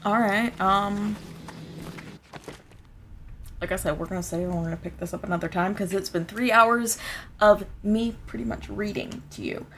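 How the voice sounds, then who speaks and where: A woman streaming a video game in casual chat and read-aloud, expressive and sometimes dropping into muttering. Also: mid-range voice, normal speed, pauses often, slight background noise.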